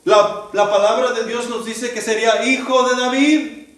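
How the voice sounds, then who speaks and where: A man's voice: very high-pitched, fairly even intonation, a little slow, a bit bright. A man preaching a sermon to his congregation, asking rhetorical questions and acting out the cries of the people in the story. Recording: echoey hall, voice from far off the mic.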